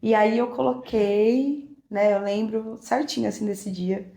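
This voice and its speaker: A woman with a Brazilian Portuguese accent tells her own story as a podcast guest. She speaks in a reflective, emotional way with soft fillers, at a mid pitch. The room around her sounds echoey. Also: fairly even intonation, a little slow, gravelly. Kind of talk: personal storytelling in conversation.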